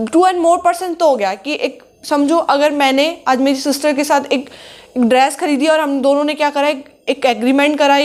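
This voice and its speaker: A woman a high voice works through a commerce lesson. She mixes in as she explains, and she keeps posing questions that she answers herself. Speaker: commerce teacher. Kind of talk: classroom lecture.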